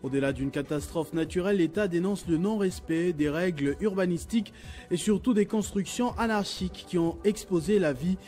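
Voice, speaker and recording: A man with a Congolese French accent presents the television news in a measured, formal voice. His voice sits a little high but sounds mellow. Faint music plays under his words. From Democratic Republic of the Congo. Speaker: news anchor. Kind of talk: scripted news reading.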